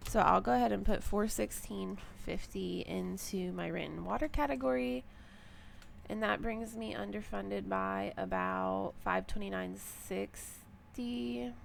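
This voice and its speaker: Young woman, gravelly fry, just-woke-up scratchy voice, casual rambling vlog talk. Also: mid-range voice. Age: young adult. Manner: rambling, with many ums and likes. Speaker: personal finance vlogger. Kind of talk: casual budgeting walkthrough.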